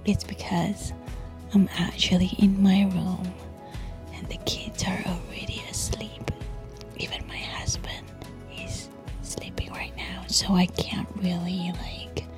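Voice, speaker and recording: A young Malaysian woman podcaster in a casual, hushed, whispered monologue, chatty and breathy, sprinkling in Malay slang. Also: lowish voice, level tone, slow, music in the background. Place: quiet bedroom at home at night.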